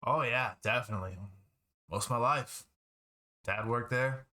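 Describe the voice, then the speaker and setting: Man doing a gruff gravelly half-dwarf miner. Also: medium pitch, moderate pace, sharp tone, voice pushed up, close to an everyday voice. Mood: matter-of-fact. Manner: blunt, matter-of-fact short answers.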